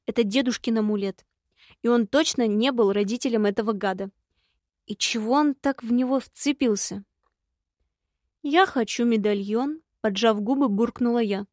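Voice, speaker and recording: A woman's voice: fairly high pitch, moderate pace, darkish tone, no echo, clean studio sound. Woman reading a first-person audiobook. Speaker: audiobook narrator. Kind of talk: first-person scripted narration.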